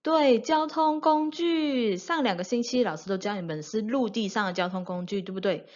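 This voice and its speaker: Woman kids teacher, sing-song like talking to a toddler, average pitch, bit muffled audio. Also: normal speed, a little mellow. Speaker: children's teacher, presenter of a theme class. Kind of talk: children's lesson addressed to young kids.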